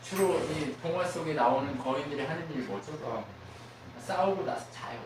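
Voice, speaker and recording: A man's voice: a little high, expressive, moderate pace, heavy reverb, far from the mic, noisy background. A man preaching a sermon as pastor, often asking the congregation questions and acting out the voices of people he quotes. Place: church sanctuary.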